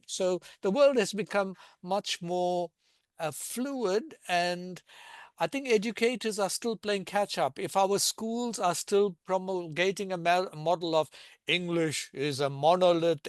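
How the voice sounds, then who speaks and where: A man in his sixties from South Africa speaks as a guest on a panel, weighing his words with small pauses and hesitations. His voice sits a little high for a man and comes across smooth and resonant. The sound is dry and close, with no room around it. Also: no room sound. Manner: measured and reflective, with hesitations. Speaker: linguistics professor, guest. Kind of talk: thoughtful panel discussion.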